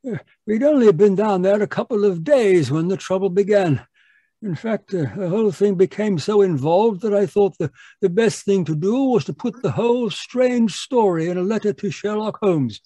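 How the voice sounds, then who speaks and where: Fussy Doctor Watson, high and husky. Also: male voice, expressive, moderate pace, dark tone, no room sound. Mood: genial, reminiscing. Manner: hesitant, stammering, repeating himself, avuncular. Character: fussy, genial older English doctor recounting old cases. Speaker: storytelling narrator character. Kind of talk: old-time radio drama acting. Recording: live video-call performance.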